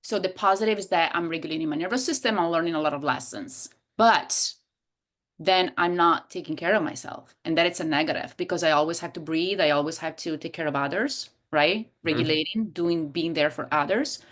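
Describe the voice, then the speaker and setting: Her voice sits low and moves a little fast, with a fairly bright tone. She's a coach and hypnotherapist from Italy, in her thirties, with an Italian accent, speaking expressively as a guest in a casual interview and occasionally hunting for words.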